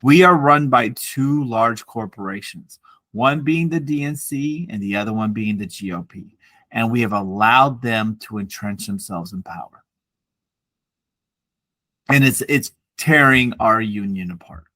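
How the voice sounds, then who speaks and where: In a casual podcast chat, this man in his forties goes on profane rants and tells lively stories. He speaks unhurriedly in a fairly low voice, and there's no room sound.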